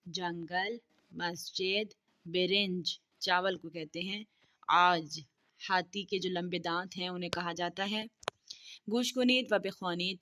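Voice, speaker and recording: A woman leads a vocabulary lesson in a bright, clear voice. She says each word slowly and carefully, then adds quick explanations. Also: on the low side. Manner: slow, deliberate pronunciation of vocabulary words, then quick explanations. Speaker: Persian language teacher. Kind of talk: language lesson, reading words aloud and explaining.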